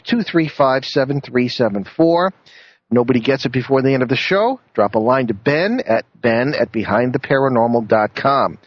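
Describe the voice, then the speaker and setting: A man's voice: mid-range voice, no echo. A man hosting a radio talk show, giving announcements and sponsor reads. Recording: dull lo-fi radio audio.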